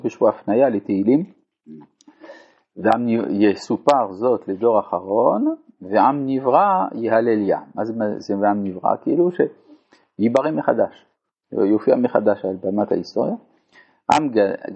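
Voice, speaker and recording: Husky-voiced rabbi teaching a text. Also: male voice, medium pitch. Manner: reads a passage aloud, then explains it phrase by phrase. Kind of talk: Torah lesson to a live group. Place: community study hall. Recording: dull lo-fi recording.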